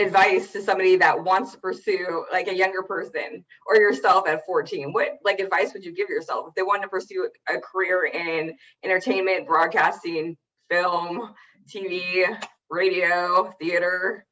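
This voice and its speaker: A woman hosting an interview, chatty and quick to laugh. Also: fairly low pitch, fairly bright tone, recorded from a distance, dull audio. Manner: laughs easily, chatty with fillers. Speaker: host. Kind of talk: casual interview chat.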